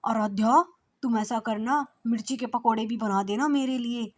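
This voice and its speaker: A woman's voice: fairly high pitch, normal speed, voice pushed up, natural voice. A woman voicing an easygoing young husband asking his wife for tea and snacks.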